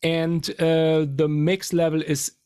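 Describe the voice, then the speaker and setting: A man demonstrating guitar amp settings, explaining in a halting way. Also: a little high, monotone, dark tone, clean tone. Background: faint guitar playing.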